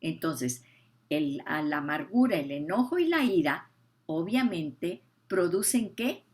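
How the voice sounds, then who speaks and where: A woman's voice: lowish voice, very animated, unhurried, a little mellow. An older woman, teaching the Bible with emphasis, repeating key phrases and asking her listeners questions.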